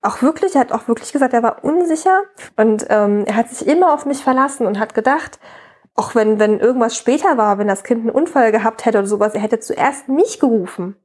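A fairly high-voiced woman in her thirties speaks candidly as an interview guest. She talks in a loose, conversational flow, often tagging her sentences with a quick question and restarting her phrases. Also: darkish tone, slightly rough. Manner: candid, frequent "ne?" tags, many restarts. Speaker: guest, mother of a colicky baby.

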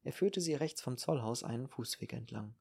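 A man reading an audiobook in a calm, measured narration. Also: medium pitch, gravelly, slightly rough. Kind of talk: scripted narration.

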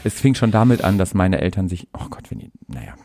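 A man's voice: sits low, sing-song, fairly quick, creaky, a little mellow, slight background noise. A man co-hosting a comedic podcast, telling stories in a playful way and laughing often. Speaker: podcast co-host. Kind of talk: casual comedic chat.

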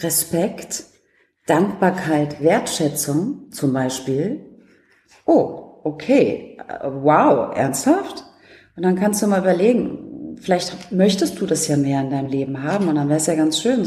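A woman tells stories lively in an interview and laughs often. Her voice is mellow and slightly low. It sounds roomy, with noticeable echo. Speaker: guest author. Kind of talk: interview talk.

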